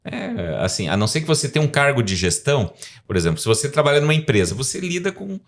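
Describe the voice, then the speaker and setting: Brazilian man, 40s, podcast guest professor, talkative and explanatory, mid-pitched voice. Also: very animated, fast talker. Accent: Brazilian Portuguese. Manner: explanatory, rambling, frequent tag questions. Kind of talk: podcast interview.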